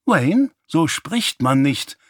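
A man voicing a tired mother who works in a mine, soft and caring with a little sternness, in dry audiobook narration. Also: on the high side, big pitch swings, slow pace, no echo, pitched above the performer's own voice, exaggerated voice. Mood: tender. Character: weary, gentle mother working in a mine.

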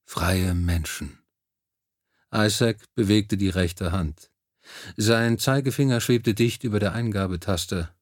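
Low-voiced male audiobook narrator, dry sound. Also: unhurried, no room sound. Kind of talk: scripted narration.

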